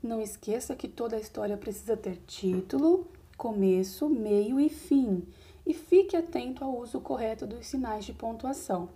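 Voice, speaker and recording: Woman, schoolteacher from Brazil, video lesson for children, patient step-by-step tone, mellow voice. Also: on the high side, animated, moderate pace. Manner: patient, explains step by step, checks in with "ok?". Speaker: primary school teacher.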